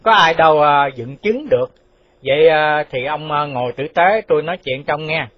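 A man's voice: fairly high pitch, moderate pace, no echo, lightly acted. Man voicing a stern vengeful ex-convict. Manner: firm, scolding. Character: vengeful escaped male convict, stern, middle-aged. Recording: dull lo-fi dry recording.

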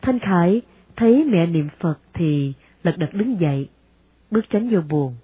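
A woman with a Southern Vietnamese accent reading a novel aloud as narrator, measured and unhurried. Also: on the low side, animated, husky. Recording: tinny, lo-fi with faint music.

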